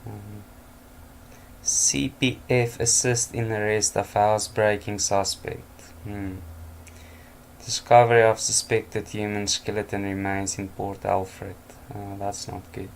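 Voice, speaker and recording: A man's voice: on the low side, little pitch movement, slow, slight background noise. A tired, yawning man reading out headlines at night and adding offhand remarks and chuckles. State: exhausted, yawning. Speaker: news commentator. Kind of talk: casual news commentary from home.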